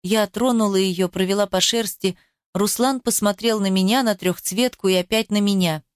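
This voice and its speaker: A woman giving a steady, expressive first-person narration of an audiobook. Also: medium pitch, normal speed, no room sound, studio quality.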